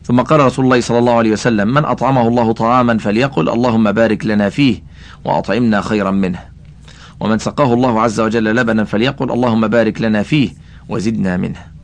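A fast-talking man with a lowish, steady voice reads a classical religious text aloud as an audiobook. He comments as he goes, addresses the listener, and carefully details the vowelling of names.

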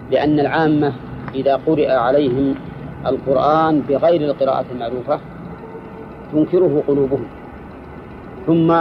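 A man teaching a lesson on Quranic exegesis to students, explaining in a measured way and putting questions to them. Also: a little high. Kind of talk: recorded tafsir lesson to students. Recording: dull lo-fi recording with faint background noise.

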